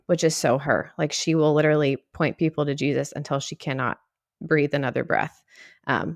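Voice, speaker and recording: A woman co-host with a low, slightly gravelly voice talks in an eager, gushing way. The sound is close and dry. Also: dry recording. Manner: warm, gushing and enthusiastic. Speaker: podcast co-host. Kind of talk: casual podcast chat.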